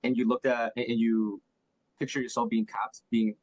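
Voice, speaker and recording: A man's voice: mid-range voice, flat delivery, normal speed, no room sound, muffled recording. A young man working as a sales closer on a call, asking probing questions and repeating himself with many fillers. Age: young adult.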